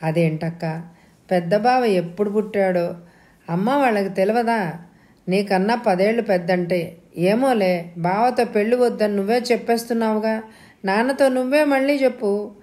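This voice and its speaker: A woman's voice: medium pitch, moderate pace, a little mellow, close to an everyday voice. A woman reading an audio novel, voicing an anxious young student begging her elder sister and mother. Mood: coaxing. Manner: pleading, anxious.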